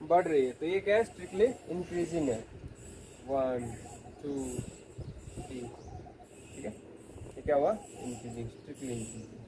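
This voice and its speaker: A man's voice: fairly high pitch, a little slow, long pauses, background noise. A man teaching a math lecture, explaining step by step and often asking his students questions. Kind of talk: classroom lecture.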